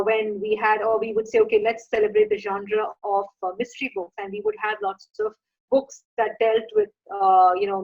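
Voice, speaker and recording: A middle-aged woman from India giving earnest advice to parents in a workshop talk, with frequent fillers. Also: on the high side. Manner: earnest and advising, with frequent uh and you know. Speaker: founder of a children's reading program, workshop speaker. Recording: dull lo-fi sound.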